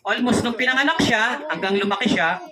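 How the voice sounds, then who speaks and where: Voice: medium pitch, expressive, a little fast, far from the mic. A puppet show host at a children's birthday party, coaxing the puppet along and giving the kids instructions. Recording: loud crowd and heavy noise.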